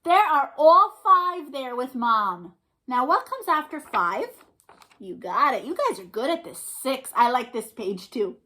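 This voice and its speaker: This librarian's voice is high and sing-song, a little slow, bright and forceful. She hosts storytime for young children, reading and chatting encouragingly with plenty of questions and praise.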